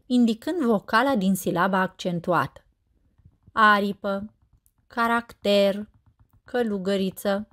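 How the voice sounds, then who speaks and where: A woman teacher narrating a scripted lesson, saying example words slowly and carefully. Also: mid-range voice.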